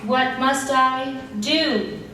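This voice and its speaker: A woman playing an earnest, newly self-aware giant robot fiddle in a stage comedy, with slow, childlike, questioning delivery. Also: sits high, pushed and bright, full character voice. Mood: wondering. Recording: echoey noisy hall from far off.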